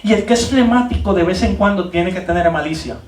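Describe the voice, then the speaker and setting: A man preaching at a leadership training in a church hall, animated, with many rhetorical questions and repeated words. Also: sits high, brisk, recorded from a distance. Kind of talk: church teaching talk.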